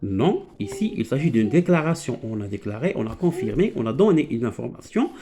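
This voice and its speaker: A man's voice: mid-range voice, very animated, a little fast, warm tone. A man with a Moroccan accent teaching a French grammar lesson to children, explaining patiently and mixing in Moroccan Arabic. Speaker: primary school French teacher.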